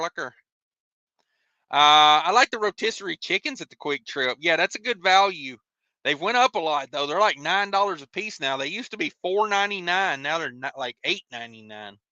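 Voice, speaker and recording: An American truck driver hosts a casual livestream, reading viewer comments aloud and answering in a folksy, rambling, colloquial way. His high voice is bright and forceful, and the recording is dry and dull.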